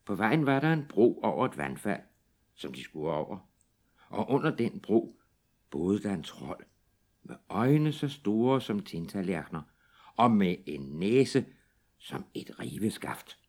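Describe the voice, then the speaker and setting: A man reading fairy tales aloud for small children in a lively, expressive way. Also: fairly low pitch. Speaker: storyteller.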